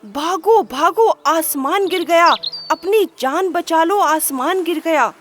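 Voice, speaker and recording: A woman voicing a panicky, timid little rabbit in a children's storybook, frantic and shouting warnings. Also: high voice, lively intonation, slow, a little hiss or hum. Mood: panicked.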